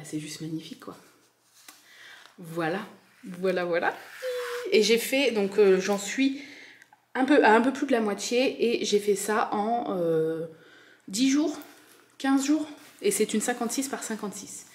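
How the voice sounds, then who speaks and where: Unboxing a craft kit, a French woman chats eagerly and informally, her speech full of fillers and repeated words. She has a French accent and a medium-pitched, darkish voice, with slight background noise.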